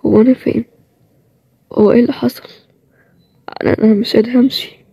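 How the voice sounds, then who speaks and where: A woman voicing a tired, stubborn young man with an Egyptian accent, in a low-key, plain-spoken way. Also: fairly even intonation, fairly quick, gravelly, warm tone, breathy edge, no room sound, exaggerated voice. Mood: weary. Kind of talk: storybook role-play series.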